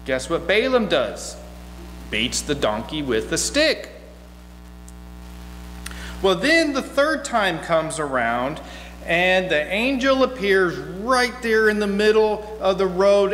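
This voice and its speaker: Speaking slowly in a high voice, a middle-aged man delivers a folksy guest sermon built on stories, tossing in lively asides. He's at a church pulpit using a gooseneck microphone. The audio carries long reverb from an echoey hall, plus mains hum.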